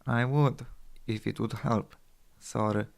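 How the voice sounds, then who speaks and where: A gravelly Polish ship doctor. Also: male voice, fairly low pitch, steady tone, slow. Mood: clinical. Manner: clinical, reassuring, mutters. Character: brisk older male ship doctor, wiry, gray-haired.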